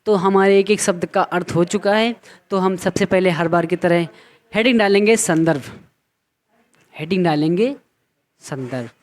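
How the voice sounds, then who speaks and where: A man teaching a poem to students, reciting verse slowly and then explaining it line by line, repeating phrases as he goes. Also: high voice.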